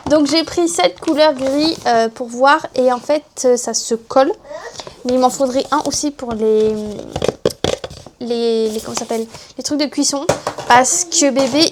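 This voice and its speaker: A woman's voice: high voice, background noise. A young woman, a mother, chatting casually in a home vlog, showing her purchases and searching for words, dropping in English terms. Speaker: family vlogger.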